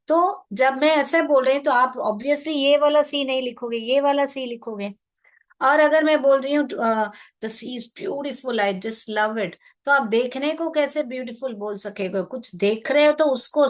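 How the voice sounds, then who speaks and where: A woman's voice: a little high, poor audio. A woman teacher giving an online phonics lesson, patiently spelling out sounds letter by letter and mixing Hindi with English. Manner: mixes Hindi and English, calls students "beta".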